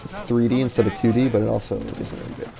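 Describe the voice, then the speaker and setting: A man's voice: medium pitch, little pitch movement, fast talker, gravelly. A young man giving laid-back, casual commentary while playing a video game. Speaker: gameplay commentator. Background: game music.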